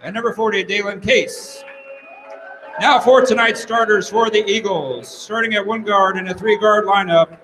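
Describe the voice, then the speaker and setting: A man announcing lineups over a gym's PA system with a measured, formal cadence. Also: sits high, noisy background. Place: large high school gym. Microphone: house PA system. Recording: PA in a reverberant gym.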